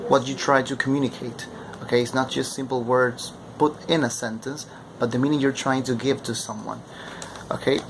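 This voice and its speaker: A man's voice: medium pitch, vocal fry. Young man. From Ecuador. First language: Spanish. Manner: keeps checking in with a questioning "okay?". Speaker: language student presenting. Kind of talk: explanatory class presentation. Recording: steady air-conditioning hum behind.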